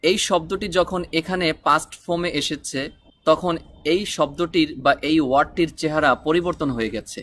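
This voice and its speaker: A man's voice: on the high side, normal speed, a bit bright, slight background noise. A man teaching a spoken English lesson, explaining patiently and spelling words out letter by letter.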